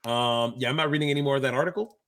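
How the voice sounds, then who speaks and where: Rapid-fire and a bit bright, this mid-range male voice comes from a wrestling podcast co-host in his thirties who still wrestles professionally. His casual chat and commentary are loaded with slangy insider talk.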